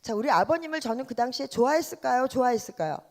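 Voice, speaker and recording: Lively woman preaching in a reverberant hall. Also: sits high, racing. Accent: Korean Chungcheong dialect. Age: middle-aged. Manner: lively, quizzes the congregation with questions. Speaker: pastor's wife, revival speaker. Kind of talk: revival sermon in a church. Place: large church sanctuary.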